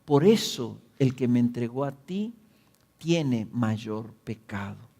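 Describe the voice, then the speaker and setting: A man reading the words of a calm man on trial in a scripture reading, in a measured, solemn way. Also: medium pitch, gravelly, pitched below the performer's own voice, exaggerated voice.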